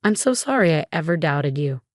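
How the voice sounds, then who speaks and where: A woman's voice: deep voice, sing-song, fairly quick, no echo, studio quality. Stern betrayed dad, read by a woman narrator, firm and plain. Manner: firm, clipped statements. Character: betrayed middle-aged father, stern and hurt.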